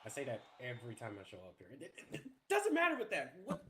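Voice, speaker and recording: A man performing as a boastful wrestling champion works the ring microphone. His voice is high for a man. He announces himself in a showy way and repeats phrases for effect. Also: lively intonation, a little fast, a bit bright. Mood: dismissive.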